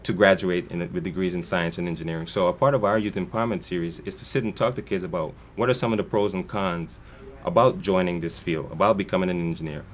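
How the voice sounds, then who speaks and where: Speaking fast with few pauses, a man with a low, steady voice is interviewed on television as a guest. Born in Guyana, he founded a foundation, and he explains himself earnestly through long, winding sentences with many restarts.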